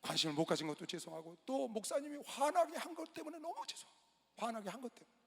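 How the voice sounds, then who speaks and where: A male pastor preaching a sermon in a large gymnasium, telling a story with sudden loud outbursts and quiet asides. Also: high voice, husky. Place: large indoor gymnasium used as a church hall. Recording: long reverb of a large hall.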